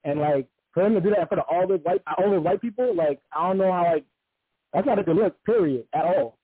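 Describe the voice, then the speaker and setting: A man's voice: sits high, quick pace, slightly rough, no room sound. Man, caller, muffled bluetooth headset line, dry tinny phone sound, casual filler-heavy talk. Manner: loose, lots of "like" fillers. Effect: muffled bluetooth phone line, sounds underwater. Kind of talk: casual call-in opinion.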